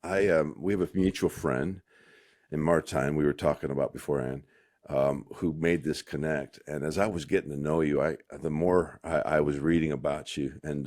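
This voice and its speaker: A man's voice: a bass voice, steady tone, normal speed, darkish tone, no room sound. A male podcast host interviewing a guest, friendly and hesitant, with many fillers. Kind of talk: interview conversation.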